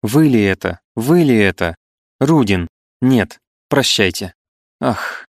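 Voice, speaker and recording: A man's voice: fairly low pitch, lively intonation, takes it slowly, no room sound, clean studio sound. A man voicing a proud, wounded eighteen-year-old woman who speaks with impassioned reproach. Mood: reproachful. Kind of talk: audiobook character reading.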